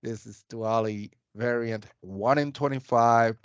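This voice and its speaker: A man's voice: mid-range voice, unhurried, smooth, no room sound. A man co-hosts a casual video chat. He rambles eagerly and often restarts his sentences. The sound is muffled and dry. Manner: enthusiastic, rambling, frequent restarts. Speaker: co-host, comics sales.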